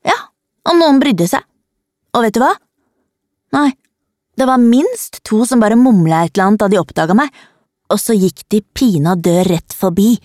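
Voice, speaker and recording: A woman voicing a bold, teasing young schoolgirl who talks in a brisk, self-assured way, as part of a storybook reading. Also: mid-range voice, lively intonation, a little mellow, no room sound, studio quality, voice pushed up, lightly acted.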